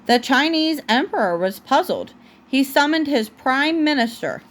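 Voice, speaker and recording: At home, a mother reads a storybook aloud to her young child, frequently stopping to correct the little one. Her high voice is very animated and a little slow.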